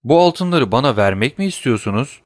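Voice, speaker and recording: A man voicing a humble, eager male prison doorkeeper in a storybook reading, speaking in a deferential, excited way. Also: mid-range voice, a little fast, no echo, clean studio sound, voice pushed up, close to an everyday voice.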